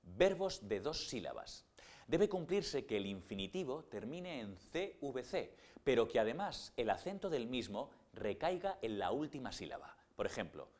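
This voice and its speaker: A man explaining grammar rules step by step in a scripted lesson narration, with slow, spelled-out example words. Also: mid-range voice, sing-song, a little mellow. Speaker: grammar teacher.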